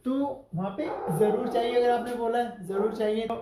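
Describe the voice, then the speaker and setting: A man's voice: very high-pitched, steady tone, fairly quick, roomy sound, a crowd in the background, low-quality recording. A male English teacher giving a classroom grammar lesson, asking the class questions and spelling out example sentences word by word.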